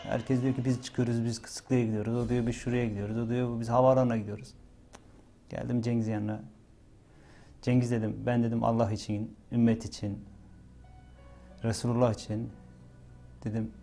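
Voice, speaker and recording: Dark-voiced man recalling a night. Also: mid-range voice, level tone, normal speed, pauses often, faint music behind. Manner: retells events with many repeated "dedim" and "böyle" fillers. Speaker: witness interviewed for a documentary. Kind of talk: emotional first-person recollection.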